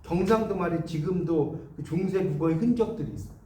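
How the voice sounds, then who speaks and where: A middle-aged man lectures on Korean spelling, explaining patiently and asking his students questions to check in. His voice is on the high side, brisk, and dark in tone. He is recorded from a distance in an echoey room.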